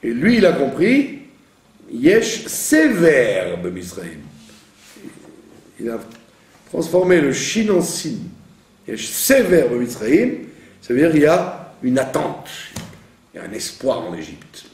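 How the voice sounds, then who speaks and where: A man's voice: a little high, sing-song, moderate pace, darkish tone. A man teaching the reading of Hebrew prayer, patiently explaining and often checking that he has been understood. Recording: echoey room, from a distance.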